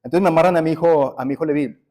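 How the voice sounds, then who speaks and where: A man's voice: a little high, racing, mellow. Man preaching a friendly storytelling sermon. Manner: conversational storytelling preaching, addresses listeners as brothers. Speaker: pastor. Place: church sanctuary.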